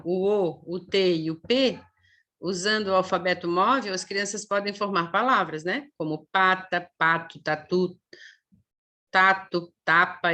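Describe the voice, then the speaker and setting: A woman with a Brazilian Portuguese accent gives a lecture to teachers, explaining things patiently, tagging her sentences with "né?" and drawing sounds out slowly to demonstrate them. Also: mid-range voice, bright, forceful tone. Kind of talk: online lecture.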